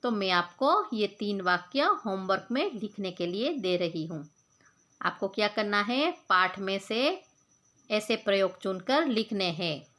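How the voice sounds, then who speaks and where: A woman's voice: mid-range voice, animated, a little slow, fairly bright tone. A woman teacher giving a grammar lesson to children, patient and repetitive, often asking the class questions and spelling words out sound by sound. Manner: patient, repeats points and asks the class questions; mixes in English words. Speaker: school teacher.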